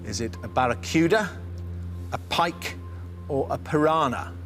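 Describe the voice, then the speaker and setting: A man's voice: on the high side, animated, a little slow, a bit bright, faint music behind. A man hosting a television quiz show, announcing in an upbeat, theatrical way. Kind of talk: studio game-show presenting.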